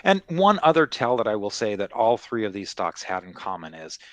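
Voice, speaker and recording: A man's voice: lowish voice, sing-song, a little fast, fairly bright tone, no echo. Conversational male stock market analyst, dry recording. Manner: conversational, explanatory, peppered with "you know" and "right?". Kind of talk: unscripted market commentary.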